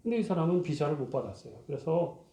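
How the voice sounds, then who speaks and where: A man's voice: fairly high pitch, sing-song, fast, warm tone, roomy sound. A male lecturer explaining a university course topic, posing rhetorical questions to his students and talking with frequent fillers.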